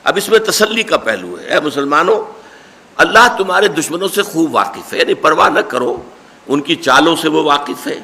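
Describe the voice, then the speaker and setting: A man giving a scripture commentary lecture. He recites verses and then explains them emphatically, rising to stress points and dropping low for asides. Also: sing-song, pushed and bright. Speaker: Quran teacher.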